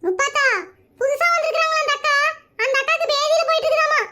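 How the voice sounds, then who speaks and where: A performer voicing a chatty, dramatic village woman in an animated cartoon, scolding and whining for comic effect. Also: extremely high pitch, fast talker. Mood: exasperated.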